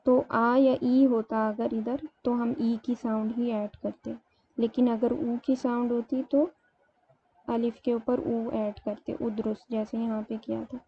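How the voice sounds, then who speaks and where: Brief: woman teacher, patient step-by-step explainer, higher voice, narrow flat intonation, dull lo-fi recording. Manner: explains step by step, slows to spell out words. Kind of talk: grammar lesson. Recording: dull lo-fi sound, faint room noise.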